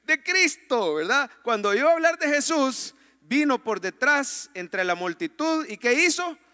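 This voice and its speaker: A man preaching a sermon as pastor, calling on the congregation to answer and read along, moving between loud emphasis and quiet, intimate passages. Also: very high-pitched, very animated, unhurried. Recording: long hall reverb.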